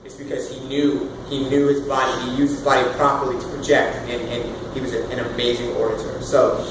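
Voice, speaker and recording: A man in his thirties leading a casual singing workshop, loud and animated, swearing now and then and demonstrating sounds as he explains. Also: mid-range voice, fairly quick. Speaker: vocal coach. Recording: roomy, far from the mic, with room noise.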